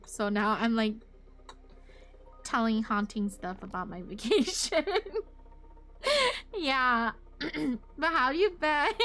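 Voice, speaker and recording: A woman's voice: fairly high pitch, a bit bright. A woman live streamer telling a rambling story to her chat in a casual way, full of fillers. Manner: chatty, rambling, many fillers; greets chat viewers mid-story.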